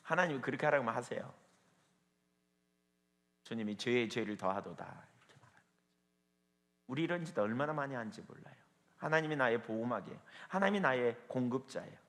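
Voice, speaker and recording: A man's voice: mid-range voice, lively intonation, quick pace, fairly bright tone. A male pastor delivers an evening sermon in an ordinary mid-range voice. He preaches emphatically and keeps challenging his small congregation with rhetorical questions. His voice trails into a long hall reverb. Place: church, evening prayer meeting with a small audience.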